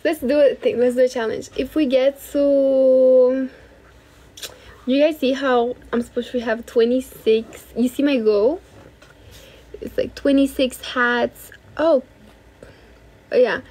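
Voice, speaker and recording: A young woman from Brazil with a high voice hosts a relaxed livestream from her bedroom. She chats freely with viewers, often thanks them, and now and then switches languages. She talks into a phone held at arm's length. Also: slow, long pauses. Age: young adult. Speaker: livestream host. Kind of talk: casual livestream chat.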